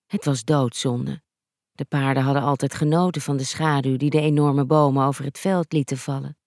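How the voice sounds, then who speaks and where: An audiobook narrator reading a story in an even, measured storytelling manner. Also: medium pitch, dry recording, clean studio sound. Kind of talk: scripted narration.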